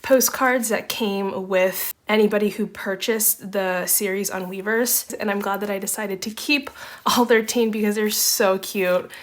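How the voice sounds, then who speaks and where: A young woman who vlogs about collecting photocards chats casually while sorting them, rambling and often saying "um" and "like." She's recovering from laryngitis, so her voice sounds slightly congested. It sits at a medium pitch with fairly even intonation and an unhurried pace.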